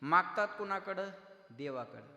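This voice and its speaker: High-voiced preacher in an echoey hall. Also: male voice, lively intonation, a little slow, gravelly. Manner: loud, declaiming, acts out dialogue, breaks into song. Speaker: kirtan preacher. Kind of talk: Marathi kirtan sermon with storytelling and sung verses.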